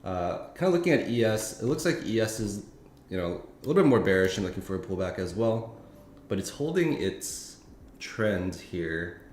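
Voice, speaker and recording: A man's voice: lowish voice, big pitch swings, normal speed, a little mellow. A man streaming live market commentary, thinking aloud with many fillers and restarts. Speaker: futures trading streamer. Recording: echoey room with faint noise.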